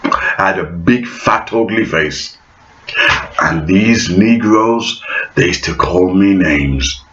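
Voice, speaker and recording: A man's voice: low voice, slow pace, fairly bright tone, muffled recording. A man vlogging a theatrical, mocking monologue to camera.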